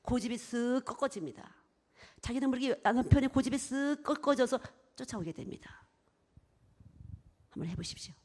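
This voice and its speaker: Expressive woman preacher, whispers to bursts. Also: a little high, normal speed, long pauses. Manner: swings between soft whispers and loud, emphatic bursts; expressive, acts out little exchanges in her talk. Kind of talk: sermon.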